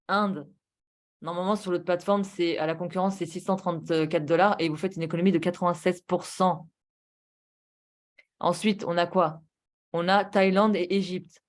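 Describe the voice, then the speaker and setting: A woman giving a casual, persuasive sales presentation of a travel booking platform, enthusiastic and full of rhetorical questions and fillers. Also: fairly low pitch. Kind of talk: casual sales presentation over screen share.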